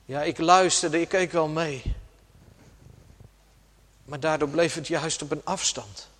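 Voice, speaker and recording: A man preaching a sermon slowly and dramatically, dropping suddenly to a hush at times. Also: fairly high pitch. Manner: slow, dramatic preaching with sudden soft drops. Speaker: pastor. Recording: long church reverb.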